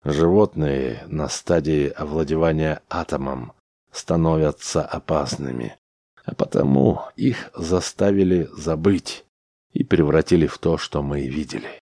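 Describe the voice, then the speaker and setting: A man narrates a science-fiction audiobook in a very low, dark voice. His reading is even and unhurried. The recording is dry and close, with no room sound. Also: no echo. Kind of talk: scripted narration.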